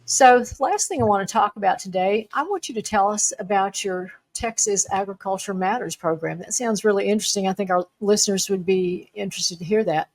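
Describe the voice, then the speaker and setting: A woman's voice: mid-range voice, fairly quick, few pauses, darkish tone, low-quality recording. A woman hosting an interview in a conversational way. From ranching country. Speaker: interview host.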